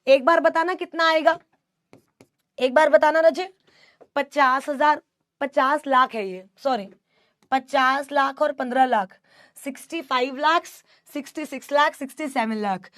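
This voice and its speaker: A woman's voice: high voice, normal speed, fairly bright tone, no room sound, clean studio sound. A young woman teaching a live online class, mixing Hindi and English, affectionate yet scolding as she answers student doubts.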